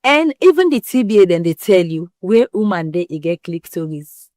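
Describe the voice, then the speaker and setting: As an interview guest explaining women's health, a woman with a West African Pidgin English accent speaks frankly and emphatically, leaning on everyday comparisons. Her lowish, mellow voice is very animated at a normal speed, captured in a dry, studio-quality recording.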